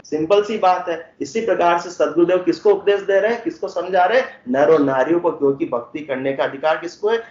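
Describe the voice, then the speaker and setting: A man giving a devotional satsang discourse, asking rhetorical questions and slowly singing verse couplets. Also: on the high side, darkish tone. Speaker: satsang speaker. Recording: roomy, dull lo-fi sound.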